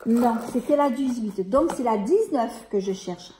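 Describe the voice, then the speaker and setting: A woman with a fairly high but mellow voice chats through a beauty unboxing. She hesitates often, trailing on fillers and starting phrases over. The room around her is echoey. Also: expressive, a little slow, a little hiss or hum. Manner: hesitant, many fillers and restarts. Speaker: beauty vlogger. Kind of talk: casual product unboxing.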